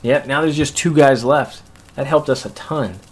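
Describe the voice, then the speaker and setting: A man's voice: medium pitch, moderate pace. A man giving casual commentary over a recorded match, explaining each move to his squad in an easygoing way. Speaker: host narrating a squad's match.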